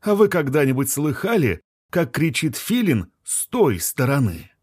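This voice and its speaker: A man voicing an excitable middle-aged male biologist who runs a remote station, eager and exclamatory. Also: fairly high pitch, measured pace, slightly rough, no echo, studio quality, pitched above the performer's own voice, heavily acted. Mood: ominous teasing.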